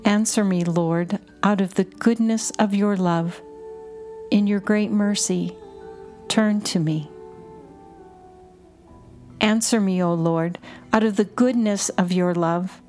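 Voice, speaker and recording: Over background music, a prayer guide and podcast host reads a guided contemplative prayer slowly and repetitively. She has a darkish, mid-range voice and phrases things deliberately, in short, measured lines.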